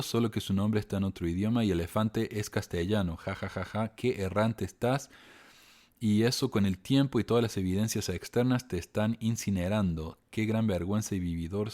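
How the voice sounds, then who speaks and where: A man's voice: fairly low pitch, darkish tone. A middle-aged man with an Argentine accent, hosting a live show, reading viewer comments and answering them casually, with wry asides, fillers and restarts. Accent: Argentine Spanish.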